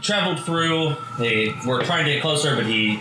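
A man's voice: on the high side, expressive, moderate pace, roomy sound, over music, low-quality recording. A man recapping a tabletop game session in a rambling way, with many fillers and restarts. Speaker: player recapping the last session. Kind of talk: casual chat.

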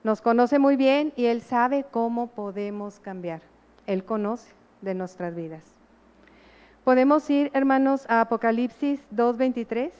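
A woman's voice: on the high side, a little slow, a little mellow, clean tone, in a large hall, dull audio. A woman preaching a sermon, earnestly asking the congregation rhetorical questions.

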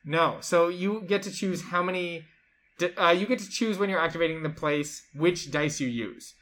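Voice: medium pitch, normal speed, fairly bright tone. A board game show co-host chatting casually and enthusiastically while explaining how a game's rules work. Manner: enthusiastic, chatty, lots of fillers like "like".

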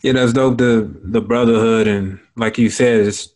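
A man's voice: medium pitch, fairly even intonation, moderate pace, a little mellow. A young adult man hosting an interview, talking casually with lots of fillers and informal slang. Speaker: interviewer, host. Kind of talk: casual conversation.

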